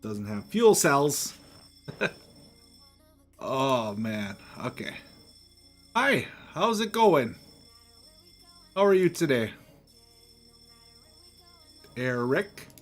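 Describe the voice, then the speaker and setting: Guy streaming a game, takes his time, kinda thinking out loud, music in the back. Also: mid-range voice, big pitch swings, extremely slow, pauses often. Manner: thinking aloud, often chuckling. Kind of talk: casual live gameplay commentary, chatting to viewers.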